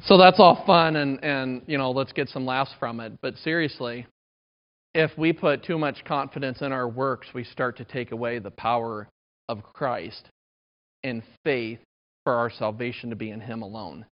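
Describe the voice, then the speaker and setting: A man in his thirties delivers a sermon in a relaxed, chatty way, with jokes at his own expense. His voice sits at a middle pitch. The recording is dull and lo-fi. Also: moderate pace. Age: 30s. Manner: conversational, self-deprecating humor. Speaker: pastor.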